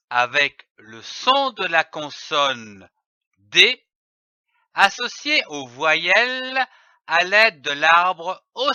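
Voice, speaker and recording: A man giving a scripted reading lesson, spelling letters and syllables out slowly and clearly. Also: high-pitched, sharp tone, no room sound. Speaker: reading teacher. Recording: dull, slightly lo-fi audio.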